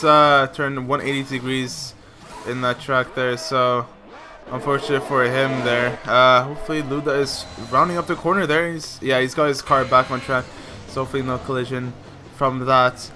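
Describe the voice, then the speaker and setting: A man commentating a sim racing league race, excitable and full of fillers. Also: medium pitch, moderate pace, a little hiss or hum.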